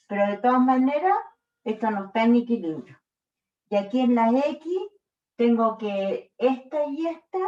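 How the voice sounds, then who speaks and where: A woman's voice: medium pitch, mellow. A woman teacher working through a physics problem step by step, often checking in with her students. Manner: slow, checks in with frequent "¿ya?". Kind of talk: explaining a worked problem. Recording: echoey room, distant dull mic.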